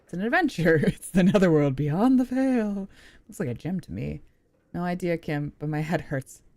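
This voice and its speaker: A woman's voice: on the low side, expressive, moderate pace, a little mellow, no echo. A young woman streaming a video game and chatting about it in a playful, self-mocking way, laughing and swearing. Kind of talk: casual gameplay commentary.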